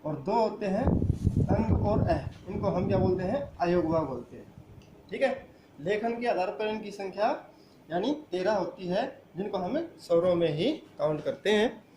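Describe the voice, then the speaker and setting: A man's voice: high-pitched, lively intonation, normal speed, roomy sound, noisy background. A man teaching a grammar lesson who asks the class questions and answers them himself. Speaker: school teacher.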